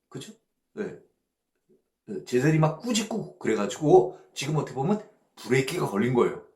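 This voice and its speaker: A male pastor teaching a Bible study, his pitch rising and falling with animation. He reads verses slowly in English and keeps asking rhetorical questions. The sound carries a roomy echo. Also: darkish tone. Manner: reads verses in slow English, asks rhetorical check-ins.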